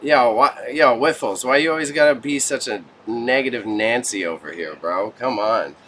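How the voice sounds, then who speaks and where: With slight background noise, this Canadian livestream host from Toronto speaks at a medium pitch and moderate pace, his tone sharp. Set in a small warehouse piled with goods, he jokes around with viewers in slangy, casual chat.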